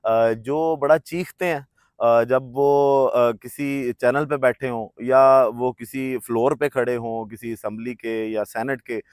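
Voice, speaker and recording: A man's voice: medium pitch, fairly even intonation, takes it slowly, a little mellow, clean tone, no room sound, studio quality. A man, from Pakistan, giving solo political commentary in a conversational way with many hesitant filler sounds.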